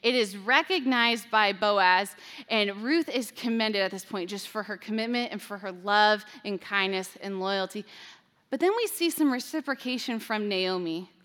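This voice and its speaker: A woman's voice: mid-range voice, normal speed, a bit bright. A woman giving a conversational Bible talk, casual and chatty with playful modern asides. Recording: long hall reverb.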